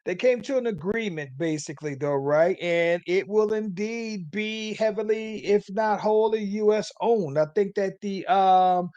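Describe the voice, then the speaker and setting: A man's voice: high-pitched, measured pace, few pauses, a little mellow, smooth, dry recording, muffled recording. A man hosting a casual podcast, rambling along and tagging his sentences with "though, man". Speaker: podcast host.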